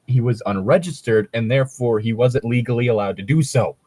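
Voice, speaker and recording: A man of medium pitch, fairly quick and with a mellow, husky voice, co-hosts a fan-fiction reading and discussion show. His chat and commentary are casual, rambling, and sweary, recorded without echo.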